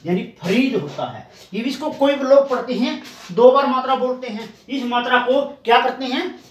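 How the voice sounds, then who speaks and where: A man teaching a Hindi spelling lesson, explaining step by step and drawing out each syllable slowly. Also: sits high. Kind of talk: classroom spelling lesson at a board. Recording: echoey room, far from the mic, faint noise.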